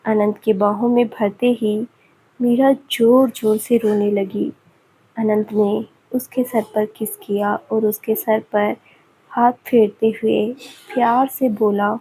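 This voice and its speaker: A woman narrating a romance story slowly and deliberately. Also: on the high side, flat delivery, mellow, a little hiss or hum, poor audio.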